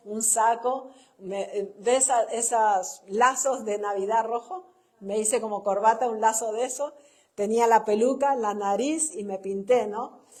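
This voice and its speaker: Her voice is fairly high with a darkish tone. She's a middle-aged Chilean pastor's wife giving an anecdotal sermon, chuckling at her own tales and frequently tacking a questioning "¿no?" onto her sentences as a church speaker.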